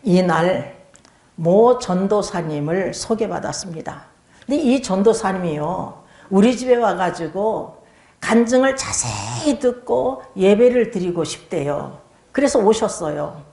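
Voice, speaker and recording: Older lady pastor telling her testimony, lively, acts out the prayers, roomy echo. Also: medium pitch, measured pace. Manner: animated storytelling, acting out her own prayers and others' pleas. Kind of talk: testimony sermon. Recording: echoey room.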